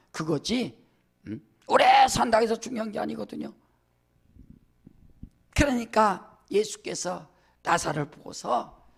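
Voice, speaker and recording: Gravelly high-voiced male pastor preaching. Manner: emphatic preaching with rising shouts and questioning asides. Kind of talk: sermon.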